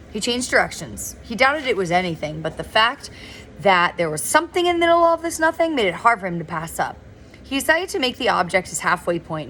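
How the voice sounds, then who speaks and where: A woman reading a novel aloud in a relaxed, informal way, now and then stumbling over words and correcting herself. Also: on the low side, slight background noise. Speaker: reader of a novel. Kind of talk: informal read-aloud narration.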